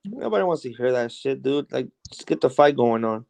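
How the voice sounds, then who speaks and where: A man's voice: medium pitch, lively intonation, a little fast, vocal fry, a little mellow. A man chatting casually as a panel guest, with agreeable, slangy frat-bro talk full of swearing. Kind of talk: casual chat.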